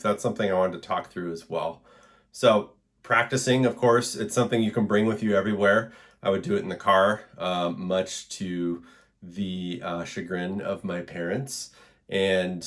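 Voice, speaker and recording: A man teaching an introductory vocal percussion lesson in an encouraging, relaxed way, with frequent fillers. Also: sits low. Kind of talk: instructional video lesson.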